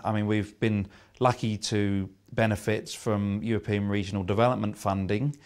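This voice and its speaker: Man, English accent, lowish voice, halting repeats, interview. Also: smooth. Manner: hesitant, repeats words. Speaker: housing association manager. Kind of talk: documentary interview.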